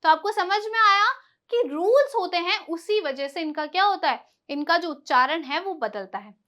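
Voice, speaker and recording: A woman teaching a lesson, asking questions and answering them herself, repeating each example word slowly. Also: very high-pitched, animated, bright, forceful tone. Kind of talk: classroom-style lesson.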